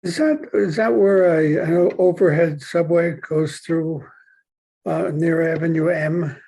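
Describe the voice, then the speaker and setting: A man's voice: a little high, slow pace, creaky, dark tone, poor audio. A man hosting a podcast interview, asking chatty questions with some hesitation. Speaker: podcast host. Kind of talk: conversational interview.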